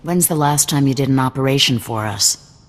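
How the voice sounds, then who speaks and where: In a video game cutscene, an actor voices a hard, distrustful rebel leader with cybernetic implants who heads a resistance cell. His medium-pitched, fairly quick delivery is lightly acted, gruff and curt, with open threat and a hostile mood.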